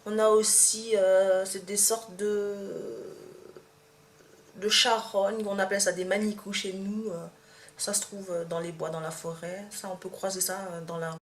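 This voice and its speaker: A woman's voice: medium pitch, little pitch movement, unhurried. Young Martinican woman vlogging in echoey room. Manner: hesitant, many fillers and restarts. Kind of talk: casual tag video to camera. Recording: echoey room, faint background hum.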